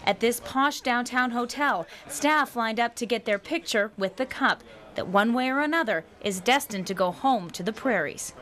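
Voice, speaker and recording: Woman, Canadian accent, fairly high voice, news reporter, scripted feature narration. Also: normal speed, a bit bright.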